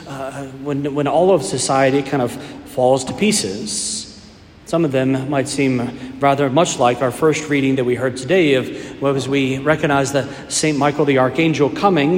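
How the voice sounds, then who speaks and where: A priest's voice rolling through a big church, full of cathedral echo that hangs in the air long after each phrase. He speaks in a measured, unhurried way, with a faint hum of the room underneath. His voice sits at an ordinary male pitch. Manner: measured, unhurried delivery with frequent "uh" fillers. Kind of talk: liturgical reading, parish announcements and homily. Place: large church.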